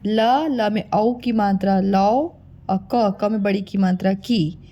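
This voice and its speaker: A woman's voice: mid-range voice, fairly even intonation, dark tone, highs cut off. A woman teaching a children's spelling lesson, sounding out words syllable by syllable in a coaxing way. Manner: slow, drawn-out syllable-by-syllable teaching; coaxing, addresses listeners as children.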